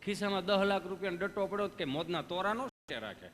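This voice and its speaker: A male folk comedian with a Kathiawadi Gujarati accent tells animated stories on stage before a live audience, acting out every part of the dialogue in different voices. He's a high-pitched, fast talker, and the reverberant hall carries faint music plus a little hiss or hum.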